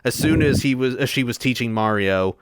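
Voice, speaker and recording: A man's voice: medium pitch, brisk, smooth, dry recording, clean studio sound. A man co-hosting a casual film review podcast, easygoing and agreeable, with hesitant restarts. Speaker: podcast co-host.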